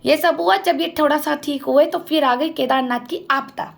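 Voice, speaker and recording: A woman's voice: high voice, normal speed, vocal fry. A young woman vlogger giving an impassioned personal account, speaking accusingly and directly to family members. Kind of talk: emotional personal account to camera.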